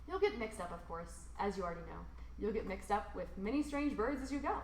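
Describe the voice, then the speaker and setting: A woman reads a rhyming children's picture book aloud expressively, with theatrical emphasis and drawn-out words. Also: mid-range voice, animated, echoey room, slight background noise. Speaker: storybook reader.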